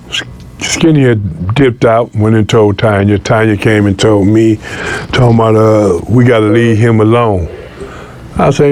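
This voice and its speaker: Against slight background noise, a man with a mid-range voice gives a lively, casual interview retelling in streetwise slang, voicing the dialogue as he goes.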